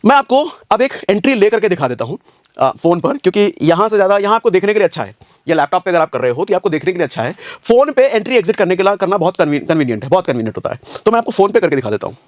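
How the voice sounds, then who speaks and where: Here a trading teacher runs a laid-back screen-share lesson, addressing viewers as brother and hammering his points home with rhetorical questions as he explains every step. His voice sits high with big pitch swings, he races along, and the recording is dry.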